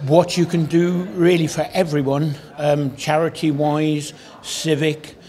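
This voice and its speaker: A man's voice: on the high side, flat delivery, unhurried, crowd noise. An older man from the Cotswolds in England, a town crier, talking casually in an interview.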